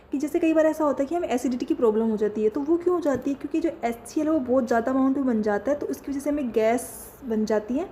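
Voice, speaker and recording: A woman's voice: sits high, warm tone, a little hiss or hum. A woman teaching a lesson, who keeps asking questions and answering them herself. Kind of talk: classroom lesson.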